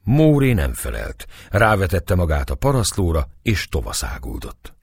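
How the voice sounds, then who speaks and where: A man narrating an audiobook with expressive storytelling. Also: sits low, creaky, slightly rough, no room sound, clean studio sound.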